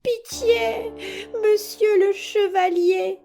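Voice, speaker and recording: A woman voicing a young wooden puppet boy in an audiobook, high and pleading. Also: steady tone, drawn-out words, creaky, dark tone, faint music behind, heavily acted. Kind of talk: audiobook character reading.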